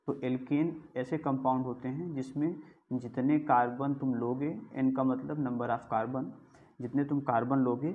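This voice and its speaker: A man teaching a chemistry class in a lecture style, asking questions and answering them himself. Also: mid-range voice. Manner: explains step by step, asks and answers his own questions. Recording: tinny phone-like sound.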